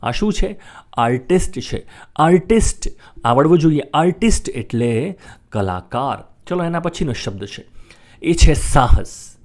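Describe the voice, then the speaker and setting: Man drilling English words slowly. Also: fairly high pitch, animated. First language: Gujarati. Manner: repeats each word slowly several times for practice. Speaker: English teacher. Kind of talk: vocabulary lesson with repeat-after-me drills.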